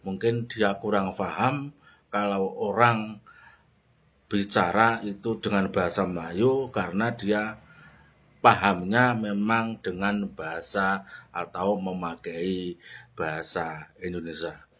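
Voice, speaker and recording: A man's voice: sits low, steady tone, slow pace, fairly bright tone, slightly rough. A man giving unscripted video commentary, repeating himself and dropping in small filler affirmations.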